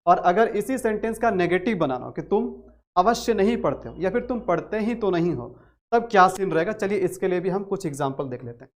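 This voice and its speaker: A man's voice: high-pitched, lively intonation, brisk. Male English teacher, repetitive stressed delivery. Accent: Hindi. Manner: repeats key phrases with heavy stress. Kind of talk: spoken English grammar lesson.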